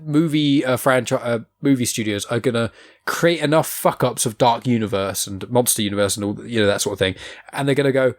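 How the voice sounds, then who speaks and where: A man hosts a podcast, chatting casually and rambling through strong opinions while swearing freely. His voice sits at medium pitch and moves fairly quickly.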